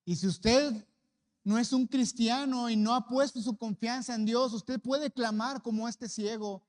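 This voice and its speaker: A man's voice: extremely high pitch, steady tone, unhurried. A man with a Mexican accent preaching a sermon as a pastor, speaking earnestly and appealing directly to the congregation. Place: church sanctuary. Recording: long church-hall reverb.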